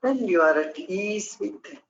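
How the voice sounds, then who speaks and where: A speaker guiding a meditation with calm, measured breathing instructions. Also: medium pitch. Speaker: meditation guide. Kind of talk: guided meditation script. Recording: dull lo-fi recording.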